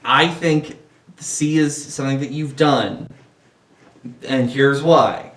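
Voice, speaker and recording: A man co-hosting a casual live-stream chat, thinking out loud with hesitant restarts and casual swearing. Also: mid-range voice, slow. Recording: echoey room, far from the mic.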